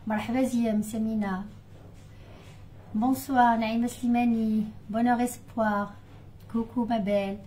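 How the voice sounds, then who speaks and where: A woman with a fairly high voice hosts a live cooking stream in a relaxed, chatty way. She greets viewers by name with affectionate words. She grew up in Algeria. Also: slow pace, pauses often, slight background noise, poor audio. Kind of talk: casual live chat with viewers.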